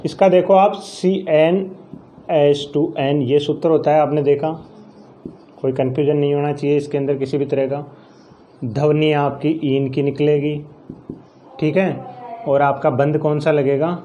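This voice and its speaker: A man's voice: a little high, flat delivery, unhurried, warm tone, lo-fi sound, slight background noise. A male science teacher with a Rajasthani Hindi accent, giving a classroom chemistry lesson. He explains each step, counts aloud and asks questions that he then answers himself.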